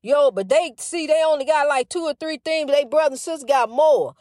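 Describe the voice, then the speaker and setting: A woman's voice: sits high, fairly quick, darkish tone, dry recording, clean studio sound. A middle-aged woman giving a casual spiritual pep talk, fervent, calling the listener honey with lots of you-knows. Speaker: inspirational speaker.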